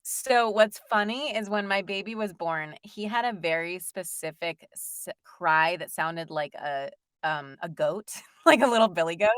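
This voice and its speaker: Chatty woman, low voice, dry sound. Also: a little slow, a bit bright, clear, resonant tone, no room sound. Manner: chatty, rambling, lots of fillers and laughs. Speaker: voice actor guest. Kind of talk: casual interview chat.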